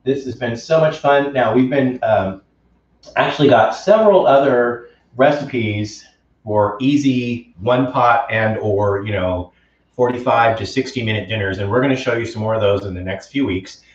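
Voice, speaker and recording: A man's voice: medium pitch, moderate pace. Enthusiastic man hosting a home cooking stream. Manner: chatty, enthusiastic, reads viewer comments aloud. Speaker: cooking show host. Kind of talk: casual live-stream cooking chat. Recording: roomy, distant, dull live-stream audio.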